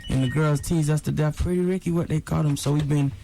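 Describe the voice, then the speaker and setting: A man's voice: on the high side, fairly even intonation, fast talker, vocal fry, music in the background. A man in his twenties, guest in a group interview, telling a story in a laid-back way. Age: 20s. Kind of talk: casual interview chat.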